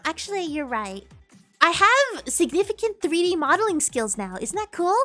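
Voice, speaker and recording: Her voice is high with a fairly bright tone as she streams, chatting casually and cheerfully with viewers and singing playful little bits. Faint music can be heard underneath.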